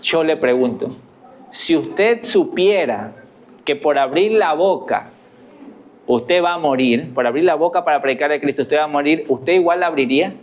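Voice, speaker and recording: Pastor guy preaching, kinda high voice, earnest, keeps asking the church stuff. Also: expressive, normal speed. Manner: earnest, questioning the congregation directly. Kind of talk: sermon.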